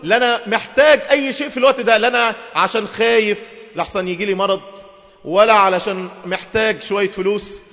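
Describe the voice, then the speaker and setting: A man's voice: high voice, fairly even intonation, fast talker, a bit bright, in a large hall. A man preaching a sermon to women in an Egyptian Arabic accent, emphatic and full of rhetorical questions.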